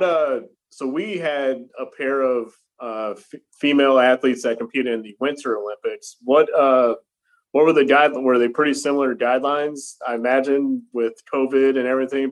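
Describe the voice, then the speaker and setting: A man of middle pitch hosting a casual interview. His questions come out halting, with frequent fillers and self-corrections before he gets to the point. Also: steady tone.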